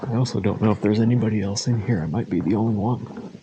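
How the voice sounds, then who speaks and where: A man's voice: fairly low pitch, fast talker, background noise. A man talking casually and in awe to his camera as he explores alone, his voice echoing in a cave. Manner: awed, informal. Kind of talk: casual vlog chat, speaking to camera. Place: inside a lava tube cave.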